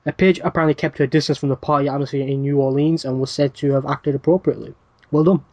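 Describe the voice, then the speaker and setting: A man's voice: medium pitch, fairly even intonation, fast, darkish tone, no room sound, dull audio. A man hosting a wrestling podcast, reading news items in a casual rundown with dry asides and plenty of "uh" fillers.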